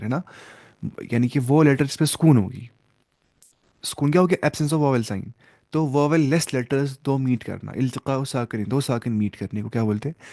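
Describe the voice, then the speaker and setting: A man's voice: mid-range voice, warm tone, dry recording, clean studio sound. A man with a Pakistani Urdu accent teaching an Arabic grammar lesson. He reads Arabic phrases, then translates and repeats each one in Urdu.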